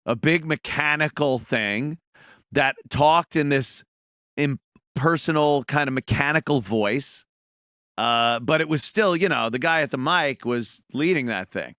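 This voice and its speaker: A man's voice: mid-range voice, pushed and bright, no room sound, studio quality. A man hosting a show, rambling with sarcastic asides. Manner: rambling, sarcastic, frequent fillers. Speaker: show host. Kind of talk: casual commentary.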